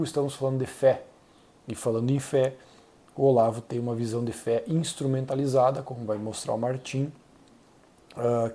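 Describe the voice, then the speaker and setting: A Brazilian man hosting a channel, giving earnest, measured solo commentary with frequent hesitations. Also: medium pitch, warm tone. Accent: Brazilian Portuguese. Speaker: channel host reviewing an essay.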